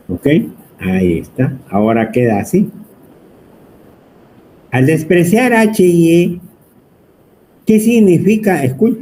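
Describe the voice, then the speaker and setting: Teaching electronics at the whiteboard, this Peruvian Spanish-accented man speaks on the high side in a mellow voice, with slight background noise. He talks at length in a chatty way, teasing his students and always asking the class questions.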